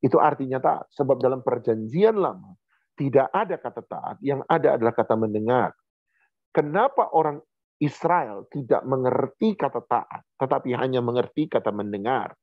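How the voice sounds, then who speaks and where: A middle-aged man preaching a sermon as a pastor, lively and animated, repeating phrases for emphasis. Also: mid-range voice, moderate pace, no echo. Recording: phone-like narrow sound.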